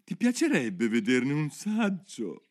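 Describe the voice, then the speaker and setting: A shrill weepy sea turtle. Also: male voice, wildly swooping pitch, heavily acted. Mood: wistful. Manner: shrill, wailing, drawn-out and tearful. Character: weepy sorrowful sea turtle creature, theatrical.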